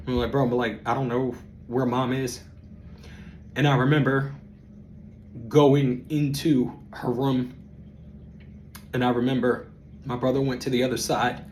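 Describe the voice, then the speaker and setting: A man in his thirties hosting a podcast, telling a personal story in a reflective, halting way with frequent ums. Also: mid-range voice, a little hiss or hum, low-quality recording. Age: 30s. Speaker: podcast host.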